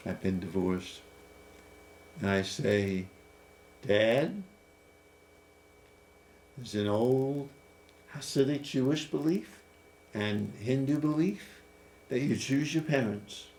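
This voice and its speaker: A man's voice: mid-range voice, takes it slowly, pauses often, a little mellow. Playful musing man in his fifties. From United States. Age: 50s. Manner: playful, musing, laughs easily. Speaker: host. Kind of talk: casual chat about scripture. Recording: faint background noise.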